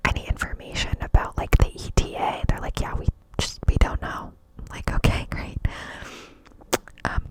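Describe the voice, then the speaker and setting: A fully whispered voice, cupped by the hands close to the microphone. The speaker tells a personal story in a chatty, rambling ASMR style, breathy and unvoiced throughout. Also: low-quality recording. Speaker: ASMR video creator.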